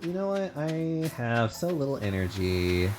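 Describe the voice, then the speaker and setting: Very low-voiced, animated woman streamer. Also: measured pace, background noise. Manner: playful, sarcastic. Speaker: game streamer. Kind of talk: casual gaming chat. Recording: music behind the voice. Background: music.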